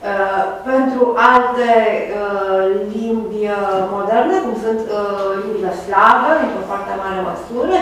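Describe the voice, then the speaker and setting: A woman giving a university lecture, pausing often on fillers and checking in with her students. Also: medium pitch, fairly bright tone, slight background noise. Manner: hesitant, frequent uh fillers, checks with "da?". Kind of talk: academic lecture. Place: lecture room. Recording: echoey room from far off.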